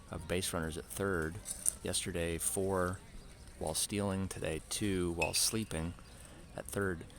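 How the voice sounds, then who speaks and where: A man doing casual play-by-play for a youth baseball game, with dry joking asides between calls. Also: low voice. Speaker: play-by-play announcer.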